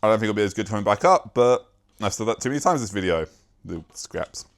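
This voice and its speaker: A man's voice: fairly low pitch, animated, fast talker. Rambling, self-mocking British guy. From Britain. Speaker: YouTuber. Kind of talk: casual vlog.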